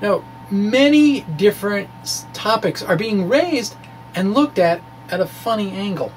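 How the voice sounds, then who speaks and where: A science blogger reads his physics blog aloud with asides, his high voice animated yet unhurried as he explains puzzles informally in quirky, emphatic language. There is slight background noise and the recording quality is rough.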